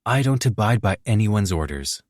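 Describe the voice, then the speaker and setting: A man's voice: on the low side, big pitch swings, moderate pace, darkish tone, dry recording, studio quality, voice pushed up. A man voicing a defiant young woman from a mafia family in an audiobook, talking in a cool, defiant manner.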